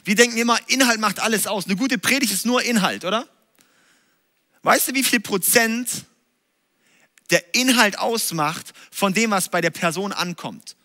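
An energetic male preacher teaches from a stage in a livestreamed talk, driving his points home and often ending them with a quick question to the listener. His voice is high and bright. A long hall reverb trails every line. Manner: energetic, emphatic, asks listeners tag questions.

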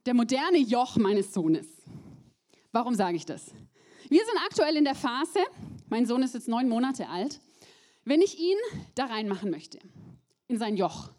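A young woman preaches a sermon in a slightly high voice, taking her time with long pauses. She's animated, speaks straight to her listeners, and sinks to a whisper for emphasis.

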